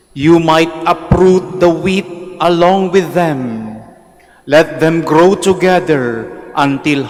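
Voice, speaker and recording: Slow Filipino priest in cathedral echo. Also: male voice, fairly high pitch. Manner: solemn, measured. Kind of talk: liturgical Gospel reading and homily. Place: large church. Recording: cathedral echo, long church reverb.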